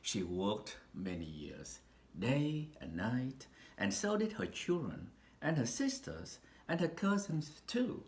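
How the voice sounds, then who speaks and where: This storybook reader, a man of medium pitch, narrates a children's picture book at a very slow, deliberate pace. Dramatic pauses and animated shifts in pitch drive the tale, while faint noise hums in the spacious, echoing room.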